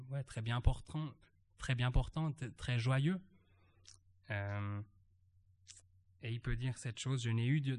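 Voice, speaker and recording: A man at a church meeting reading Bible verses aloud and reflecting on them, halting and searching for words. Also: medium pitch, darkish tone. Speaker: church member sharing a reflection.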